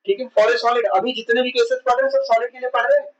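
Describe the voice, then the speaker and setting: High-voiced chatty male physics teacher. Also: steady tone, fast, muffled recording, a crowd in the background. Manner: chatty, asks students rhetorical questions; mixes English terms into Hindi. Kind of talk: exam-prep classroom lecture.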